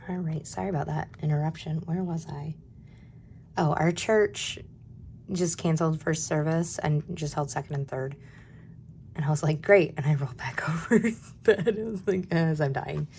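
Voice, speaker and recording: Brief: woman, 30s, low and gravelly, hoarse from a cold, casual budgeting chat. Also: moderate pace, a little mellow, a little hiss or hum. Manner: candid and chatty, drops to a near-whisper at times. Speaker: budgeting vlogger. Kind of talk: casual chat while stuffing cash envelopes.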